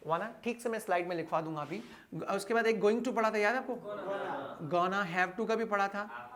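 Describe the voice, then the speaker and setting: A man's voice: high-pitched, normal speed, fairly bright tone. A man with an Indian accent teaching a spoken English class, quizzing his listeners and repeating each answer aloud. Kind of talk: classroom lecture.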